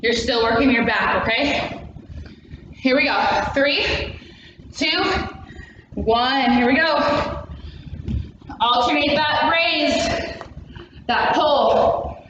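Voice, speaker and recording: A woman's voice: sits high, extremely slow, pauses often. A woman leading a workout as an aerobics instructor, demonstrating exercises and counting down in short, encouraging cues. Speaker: fitness class instructor. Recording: echoey room, distant mic, muffled, noisy.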